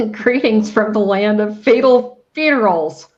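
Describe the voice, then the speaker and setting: A woman co-hosting a casual online show, easygoing and quick to laugh. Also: medium pitch. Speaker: co-host. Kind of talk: casual chat. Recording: dull lo-fi online audio.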